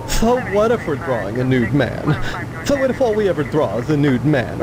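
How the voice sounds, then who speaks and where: Game role: flamboyant fireman, arch and pompous, extremely animated intonation, noisy dated audio. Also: medium pitch. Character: flamboyant prissy fireman who loves sketching nude men. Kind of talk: theatrical video game character acting.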